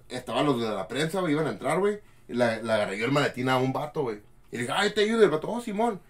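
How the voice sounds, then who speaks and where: Fast-talking guy telling a story. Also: medium pitch. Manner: slangy, animated storytelling. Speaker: podcast co-host. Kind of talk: casual chat.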